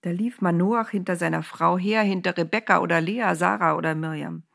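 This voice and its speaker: A woman tells a Bible story for children with a playful, lively touch. Her voice sits low for a woman and has a breathy, husky edge. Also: a little fast.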